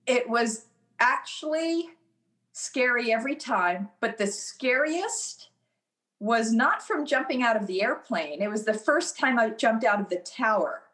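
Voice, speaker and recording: A woman's voice: a little high, expressive, measured pace, fairly bright tone. A middle-aged woman, a former Army officer, telling stories in a casual interview and laughing at her own anecdotes.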